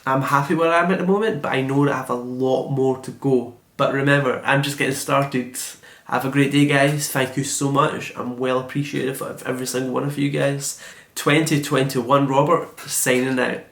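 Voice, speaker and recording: A young man of about eighteen or nineteen records an earnest, self-reflective birthday vlog on a camera mic, rambling and saying "like" a lot. His medium-pitched voice is fairly even and a bit bright, at a moderate pace, with some reverb.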